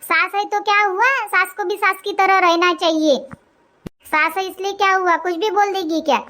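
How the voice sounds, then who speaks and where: A woman voicing a sharp-tongued young daughter-in-law in a cartoon, defiant and talking back. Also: extremely high pitch, steady tone, moderate pace.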